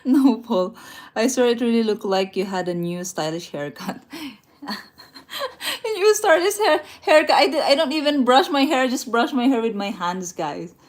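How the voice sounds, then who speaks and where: A Filipina woman with a fairly high, very lively voice chats at a moderate pace on a travel livestream, laughing a lot and restarting sentences. She's reading viewer comments aloud in a casual live chat from a rented room indoors at night.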